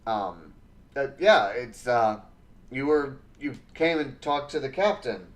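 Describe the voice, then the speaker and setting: A man narrating as game master in a tabletop game, relaxed and full of fillers. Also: medium pitch, slow pace.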